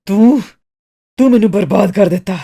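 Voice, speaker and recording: A woman voicing a furious middle-aged German male draftsman who shouts insults. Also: medium pitch, normal speed, creaky, husky, pitched above the performer's own voice. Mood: furious shouting.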